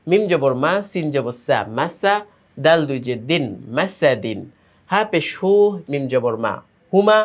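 Male teacher, Bangladeshi accent, slightly high voice, patient sing-song spelling drills. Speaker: Quran reading teacher.

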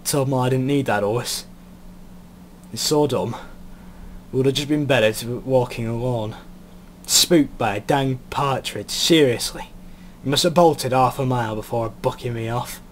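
A man's voice: medium pitch, normal speed, slight background noise, natural voice. A man doing a northern country lad. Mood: grumbling. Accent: Northern English. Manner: rough Ned-Stark-like northern delivery. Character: young male country lad, plain-spoken. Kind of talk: voicing a visual novel.

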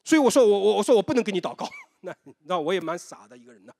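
A man's voice: sits high, lively intonation, rapid-fire, gravelly, a little mellow. A male pastor preaching a sermon in a conversational storytelling way, asking his congregation rhetorical questions and slipping English terms into his talk. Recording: long hall reverb.

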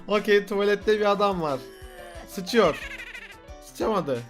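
Young guy yelling at a silly game, high pitched, gets worked up fast, little bit of game music behind. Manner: excitable, swears and shouts in frustration. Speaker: gaming youtuber. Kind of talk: casual let's play commentary.

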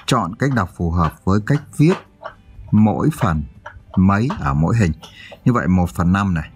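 A man's voice: deep voice, expressive, moderate pace, slightly rough, faint music behind. A male teacher giving a primary school math lesson, counting aloud and asking his pupils check questions.

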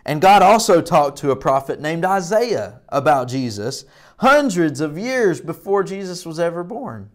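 A man's voice: fairly high pitch, big pitch swings, a little slow. A man in his thirties giving a children's Bible lesson in a broad, singsong presenter style with emphatic repetition and call and response. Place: indoor children's church classroom. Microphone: lapel mic.

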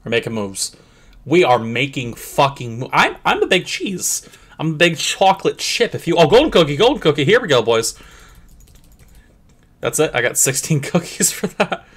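A young man rambles through a clicker game in crude, profane, joking commentary. His pitch swings all over the place and often jumps into a squeaky high voice for a gag. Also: sing-song, moderate pace, a bit bright, slightly rough. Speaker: gameplay commentator. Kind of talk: comedic let's play commentary.

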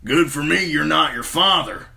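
A man's voice: a little high, normal speed, gravelly, pushed and bright, voice pushed up, heavily acted. A man voicing a tough, insolent male sellsword with a blunt manner. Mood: mocking.

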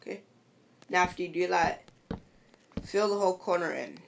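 A woman with a low, gravelly voice talks slowly through a game tutorial. She gives patient step-by-step instructions and often checks in with the listener. There is clear background noise with clicks behind her. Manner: patient instructions, repeats "perfect" and "see?". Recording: noisy home recording with clicks.

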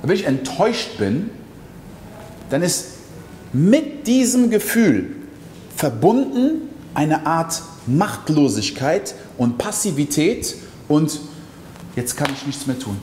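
A man's voice: on the high side, sing-song, takes it slowly, pauses often, darkish tone, slight background noise. Emphatic male coach in an echoey hall. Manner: emphatic, addresses listener directly, rhetorical questions. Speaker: mindset coach. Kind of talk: motivational monologue. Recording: echoey hall with faint ambience.

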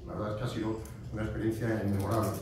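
A middle-aged man with a lowish voice races through a heartfelt farewell speech at a podium, keeping his tone level as he repeats phrases and drops in asides. A far-off camera picked up the podium microphone in a large stone-walled banquet hall, so the sound is distant, echoey and noisy.

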